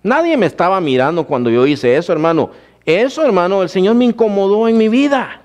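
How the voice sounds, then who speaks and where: A man's voice: high-pitched, lively intonation, fairly quick, darkish tone. A man preaching a sermon, telling his own testimony and calling his listeners brother. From Guatemala. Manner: addresses listeners as brother, storytelling.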